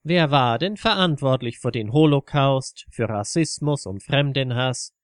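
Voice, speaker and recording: A man's voice: medium pitch, a little slow, smooth, dry recording, clean studio sound, lightly acted. A man reading an indignant, angry Ludwig. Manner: indignant, scornful. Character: indignant left-wing man, quick to anger.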